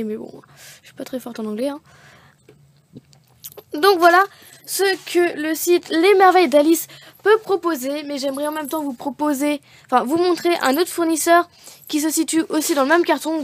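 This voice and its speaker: A beauty vlogger casually unboxes craft and nail art supplies, rambling, correcting herself, and filling her talk with fillers. Her voice sits high and moves fast in a steady tone.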